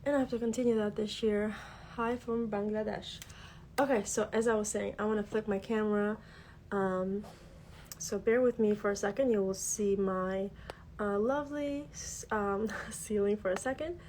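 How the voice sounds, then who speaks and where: Hosting a craft tutorial livestream from her desk, a woman with a cold sounds congested as she casually greets viewers, chatting with many fillers; her first language is Albanian. Her medium-pitched, slightly mellow voice keeps fairly even intonation at a moderate pace, over a little hiss or hum.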